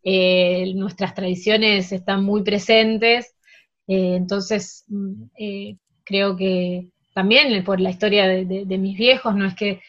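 This interview guest, a table tennis player from France, speaks with an Argentine Spanish accent in a mid-range voice. She's hesitant and easygoing, constantly restarting and filling gaps, and the lo-fi audio sounds dull.

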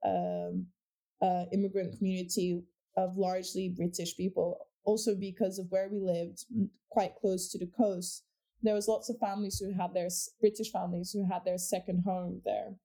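With a lowish, gravelly yet warm voice, a woman from Portugal speaks flatly at a normal speed. A native speaker of Portuguese, she reflects on her background in a relaxed chat full of restarts and fillers.

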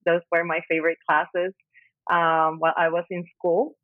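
Puerto Rican-accented woman guest, halting with fillers, tinny phone sound, dry. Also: lowish voice, level tone, dry recording. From Puerto Rico. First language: Spanish. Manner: frequent ums, searching for words. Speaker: guest engineer. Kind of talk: casual interview answers.

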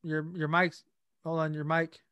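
High-voiced young man, dry close sound. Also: flat delivery, unhurried, sharp tone, clear, resonant tone, no room sound, dull audio. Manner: laughing, profane storytelling. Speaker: podcast host. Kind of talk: casual chat.

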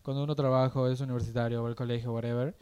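A man with a mellow, warm-toned voice at a middle pitch. He keeps chiming in to agree and back up his co-host, then adds his own thoughts in a relaxed podcast chat. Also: rapid-fire, smooth, highs cut off. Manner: supportive, agreeing, chiming in often. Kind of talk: candid conversational podcast.

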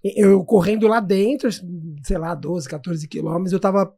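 A man from São co-hosting a podcast, telling a story in a lively, animated way and repeating his phrases. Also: sits high, moderate pace, slightly rough. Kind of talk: casual chat.

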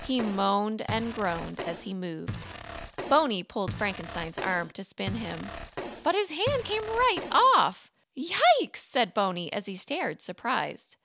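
A woman narrating a children's storybook in an animated, expressive way. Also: medium pitch, slow, creaky, no echo, faint music behind.

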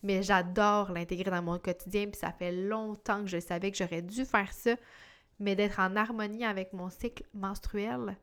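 A woman's voice: medium pitch, fairly even intonation, normal speed, clear, resonant tone. A woman with a Québécois accent hosting a solo podcast, chatty and enthusiastic, mixing in English words. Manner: chatty and enthusiastic, many fillers and English loanwords. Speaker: podcast host.

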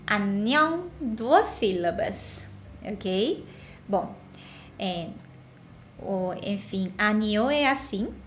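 A woman's voice: fairly high pitch, a bit bright. A woman giving a casual language lesson as a Korean teacher, patiently repeating words for the learner to echo.

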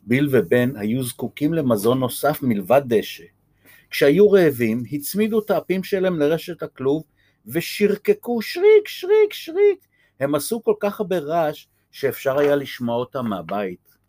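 A male storyteller reads a children's chapter book aloud in a gentle, lively way. His pitch is ordinary, and the recording is dry and close, with no echo.

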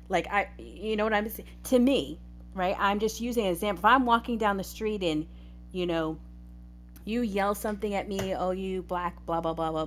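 Low-voiced woman explaining a point. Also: slight background noise. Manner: earnest, explaining with examples and frequent "you know". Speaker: discussion panelist. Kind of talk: casual discussion.

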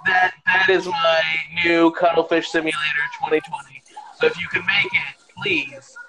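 Higher-voiced man hosting over a noisy mic. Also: little pitch movement, normal speed. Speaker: podcast host. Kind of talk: casual comedic banter. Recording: noisy, clicking, cutting-out mic.

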